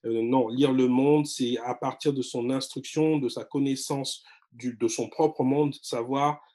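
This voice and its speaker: Hesitant man with a mellow voice. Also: mid-range voice, fairly even intonation, measured pace. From France and Congo-Brazzaville. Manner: hesitant, many fillers and restarts. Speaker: guest, literary blogger. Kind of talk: casual interview talk.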